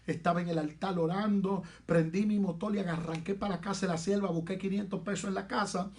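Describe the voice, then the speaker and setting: High-voiced Dominican preacher. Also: male voice, a little mellow. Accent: Dominican Spanish. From Dominican Republic. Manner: emphatic preaching with repeated phrases and slowed, stressed words. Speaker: pastor. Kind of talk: sermon.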